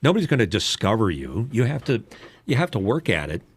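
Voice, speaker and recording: On the low side, brisk, sing-song and slightly rough, this man in his late sixties, a voice-over announcer and podcast host, chats casually like a coach about voice-over, explaining candidly and ramblingly. There's no echo.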